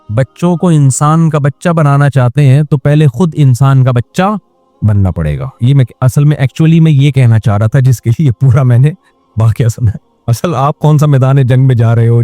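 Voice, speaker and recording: A man's voice: medium pitch, mellow, no room sound. A man giving a chatty, scolding sermon with rhetorical questions and acted-out quotes. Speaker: Islamic scholar giving a talk. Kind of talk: conversational sermon.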